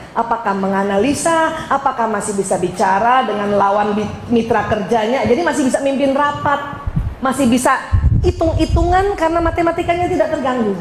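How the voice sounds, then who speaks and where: A middle-aged woman giving a lively, joking talk to a women's study group, often addressing the listeners as "Bu". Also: high voice, a little hiss or hum. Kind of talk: lively talk with slides to an audience. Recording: echoey hall.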